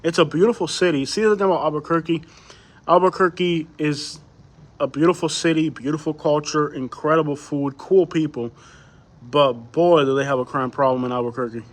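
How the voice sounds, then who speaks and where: His voice is a little high and steady in tone, delivered fairly quickly. He's a native Spanish speaker from Cuba hosting a livestream, keeping the conversation casual as he responds to live viewer comments and leans on rhetorical questions.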